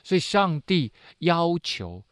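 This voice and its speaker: A man tells a Bible story as a lesson, his pitch rising and falling in wide, animated sweeps. He pauses often on small filler sounds as he explains. The recording is dry and close, with no room sound behind him. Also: smooth, dry recording. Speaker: Bible teacher.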